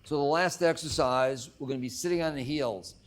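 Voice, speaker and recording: A man guiding a breathwork and exercise class as the instructor, giving measured instructions in short phrases with long pauses. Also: a little high.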